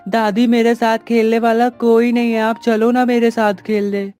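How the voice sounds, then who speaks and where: A man voicing a little village boy who begs and whines in a pleading, drawn-out way. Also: extremely high pitch, little pitch movement, darkish tone, clean tone, faint music behind, voice pushed up.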